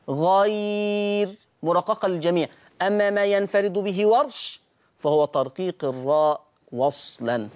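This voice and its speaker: Egyptian male recitation teacher, recorded lesson, voices the class's questions and drags words out to demonstrate them. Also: sits high. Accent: Egyptian Arabic. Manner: asks students' questions himself, then answers them; stretches out words slowly to show how they are said. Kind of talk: recorded tajweed lesson with on-screen slides.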